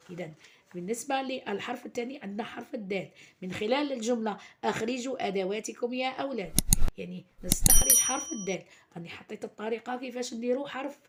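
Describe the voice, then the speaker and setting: Woman, teacher explaining early reading lessons, halting and explanatory. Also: mid-range voice. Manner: explanatory, many fillers and restarts.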